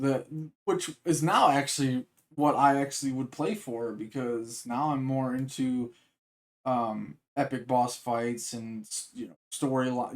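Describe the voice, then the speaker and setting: Rambling man reacting to a video. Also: mid-range voice. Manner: rambling, full of fillers and restarts. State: hiccups. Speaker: reaction streamer. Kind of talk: rambling casual commentary.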